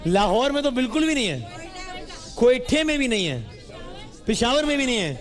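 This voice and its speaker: A man hosting a live studio quiz, teasing and bantering quickly with the audience. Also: very high voice, very animated. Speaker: game show host. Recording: roomy hall with music and crowd.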